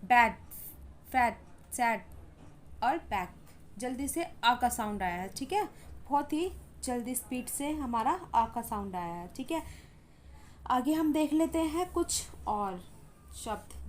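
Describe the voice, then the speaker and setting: A woman's voice: on the high side, expressive, a little slow, a little hiss or hum. A woman giving an English pronunciation lesson in Hindi, patiently repeating example words and saying "ठीक है" often. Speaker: English teacher.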